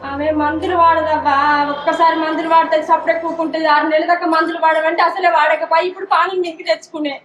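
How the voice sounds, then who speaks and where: A woman's voice: very high voice, level tone, fast talker, hardly any pauses, fairly bright tone, reverberant, muffled recording, faint music behind. An actress playing an elder woman with a Telangana Telugu accent, scolding and reassuring the family. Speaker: actor in a family drama.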